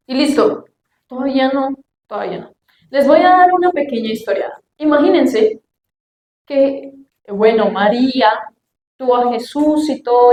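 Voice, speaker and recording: A young woman with a high voice delivers a sermon, acting out family voices as she tells lively stories. Her voice rings in an echoey room. A faint ambient hum sits behind her. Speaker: youth preacher.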